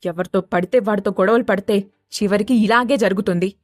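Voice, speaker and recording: A woman voicing a furious older man, a city mayor who scolds and shouts at his son. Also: mid-range voice, fairly quick, no echo, clean studio sound, natural voice.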